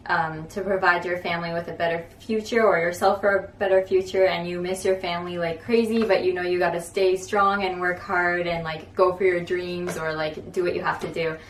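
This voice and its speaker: A young adult woman vlogging at home in a casual, chatty way, with lots of "like" fillers. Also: fairly low pitch. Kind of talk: casual vlog chat. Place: home, indoors. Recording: roomy echo, distant from mic, faint noise.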